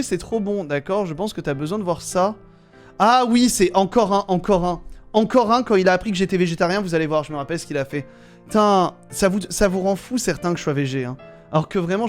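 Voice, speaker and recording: A man's voice: sits high, a little fast, soft background music. A man streaming live, reading viewer messages aloud and commenting on them with wry jokes.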